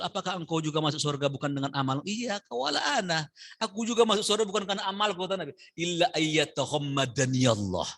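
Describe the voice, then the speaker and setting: A male preacher in a mosque with a bright, forceful, fairly high voice. He chants verses and then explains them, moving between soft asides and loud emphasis. He often turns to address the men listening. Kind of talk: midday mosque sermon.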